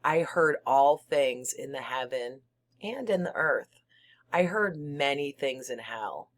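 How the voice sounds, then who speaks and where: Gothic horror monologue: mad, gleeful murderer, slow-paced, emphatic and theatrical, insistently claiming sanity. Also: medium pitch, fairly bright tone. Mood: intense, insistent. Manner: halting, theatrical, emphatic, breaking into whispers and chuckles. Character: unhinged murderer, insisting he is sane, gleefully confiding. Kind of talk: dramatic reading of a gothic horror story.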